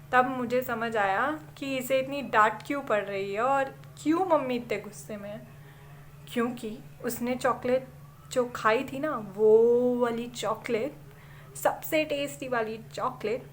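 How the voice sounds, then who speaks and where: A woman telling a childhood story at a storytelling event, dramatic, with pauses and repeated words. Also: on the high side, fairly bright tone, a little hiss or hum. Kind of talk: oral storytelling of a childhood memory.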